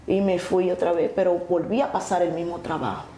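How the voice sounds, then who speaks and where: A woman telling her testimony earnestly, halting and restarting often. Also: lowish voice, level tone, warm tone. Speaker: guest sharing her testimony. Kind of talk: emotional personal testimony. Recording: echoey room with faint noise.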